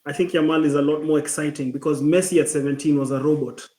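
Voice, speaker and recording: A man co-hosting a casual football chat, talking in a hesitant, considered way with many pauses and restarts. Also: a little high, steady tone, warm tone, roomy sound.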